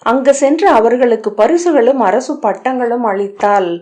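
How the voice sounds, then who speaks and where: Woman reading as a proud scheming queen, measured and commanding, mellow dark voice, storybook reading. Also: a little high, lively intonation, lightly acted. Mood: cool, commanding.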